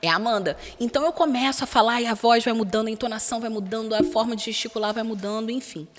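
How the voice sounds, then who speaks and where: A Brazilian woman speaks as a podcast guest in a fairly high voice, frank and expressive, slipping into the voices of the people she quotes. Her words carry a long reverb from the studio around her. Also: quick pace. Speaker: guest, relationship mentor and speaker. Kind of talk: candid podcast interview talk. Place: recording studio.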